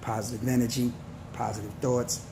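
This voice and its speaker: Gravelly and mid-range, with little rise or fall, the voice belongs to a man in his forties vlogging a motivational message. He speaks slowly, preaches earnestly, and leans on slang, all against a noisy background.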